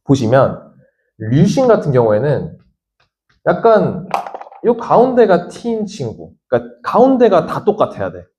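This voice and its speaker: A man with a slightly high, mellow voice lectures on science a little slowly, his pitch swooping wildly. He thinks aloud through a worked example and voices students' questions himself, captured in dull lo-fi audio.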